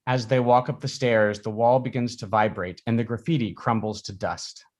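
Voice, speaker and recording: A man's voice: medium pitch, steady tone, moderate pace, a little mellow. A man reading stage directions as narrator at a live screenplay reading.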